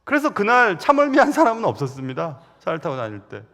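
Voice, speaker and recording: A middle-aged man preaching a Sunday sermon, telling stories with sudden loud rises and soft drops. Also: sits high, huge pitch swings, quick pace, long reverb tail. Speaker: pastor. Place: large church sanctuary.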